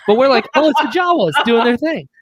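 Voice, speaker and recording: A writer and producer of audio dramas, appearing as a podcast guest, chats casually and enthusiastically about producing, often acting out snippets of past conversations as animated stories. His voice is very high-pitched, expressive and a little fast, heard over a noisy crowd.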